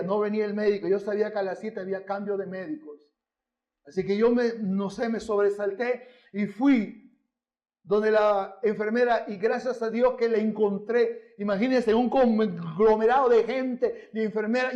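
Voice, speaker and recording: A man's voice: high-pitched, steady tone, moderate pace, dark tone, lo-fi sound. A male pastor preaching a sermon, telling a personal story and asking the congregation rhetorical questions.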